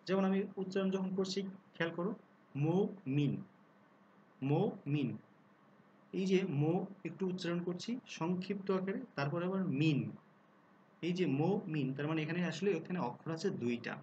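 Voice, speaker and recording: A man giving a recorded lesson on pronunciation, explaining rules, asking rhetorical questions and sounding out example words slowly. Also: high-pitched, darkish tone, highs cut off, a little hiss or hum. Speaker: Bengali language teacher.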